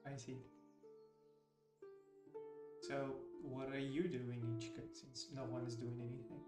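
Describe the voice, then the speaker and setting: A man narrating as game master of a tabletop game, hesitant and pausing often as he addresses the players. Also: medium pitch, little pitch movement. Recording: roomy, distant microphone, music behind.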